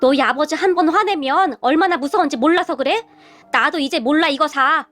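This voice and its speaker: Brief: sharp-tongued mother-in-law scolding hard, read by a woman narrator. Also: sits high, brisk, soft background music. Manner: scolding, exasperated.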